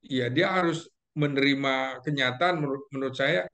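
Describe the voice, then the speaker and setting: A man who is a guest analyst in a casual discussion, going through names and facts methodically, with many pauses and fillers. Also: medium pitch, a bit bright.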